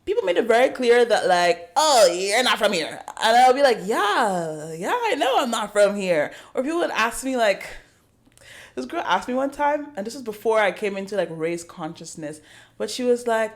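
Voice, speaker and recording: A woman's voice: fairly high pitch, very animated, normal speed. A young woman from Nigeria, a podcast guest, telling her own story in a casual interview, reflective and full of fillers.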